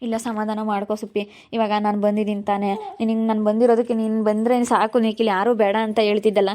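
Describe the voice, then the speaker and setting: A woman voicing a young husband in an amateur family drama skit, repeatedly begging his grieving wife to calm down. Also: medium pitch, fast, close to an everyday voice. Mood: soothing. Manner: soothing, repeats pleas to calm down.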